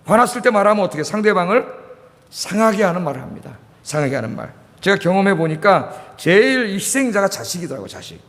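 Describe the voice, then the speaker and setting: A man's voice: high-pitched, very animated, quick pace, fairly bright tone. A middle-aged male pastor from Korea preaching a sermon, asking the congregation questions and repeating key words. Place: church sanctuary. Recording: reverberant church hall.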